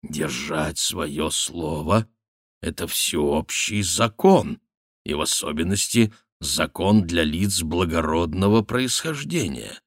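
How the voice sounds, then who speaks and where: A grieving old baron speaks slowly and solemnly of honor and duty, as a male reader puts him on. The voice is low and unhurried. It is recorded close and dry. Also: animated, dry recording, full character voice. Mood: solemn, stern. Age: older.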